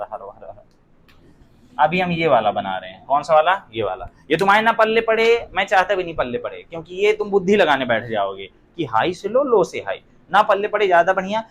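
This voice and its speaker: A man's voice: high-pitched, fairly bright tone, a little hiss or hum. A young man teaching physics in a classroom, firing rhetorical questions at his students and throwing in joking asides. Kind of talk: classroom lecture.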